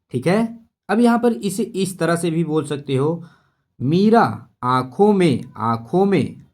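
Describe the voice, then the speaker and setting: A man teaching English-to-Hindi translation, going over each word again and again and asking his listeners questions as he explains. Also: fairly high pitch. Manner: slow, repeating each word many times while explaining; asks students rhetorical questions.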